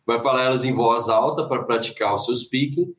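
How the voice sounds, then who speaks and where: Relaxed man co-hosting, roomy sound. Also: mid-range voice, normal speed. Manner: relaxed, chiming in with short remarks. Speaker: podcast co-host. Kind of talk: casual podcast chat.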